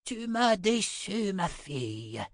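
A man voicing an old, cunning witch who speaks slowly and menacingly in an audiobook. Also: sits high, very animated, no echo, studio quality, pitched above the performer's own voice, heavily acted. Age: older. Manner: slow, drawn-out, menacing. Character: ancient cunning witch mother, old woman.

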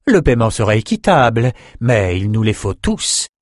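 Audiobook: man doing a calm, measured sorcerer. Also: mid-range voice, no echo, studio quality.

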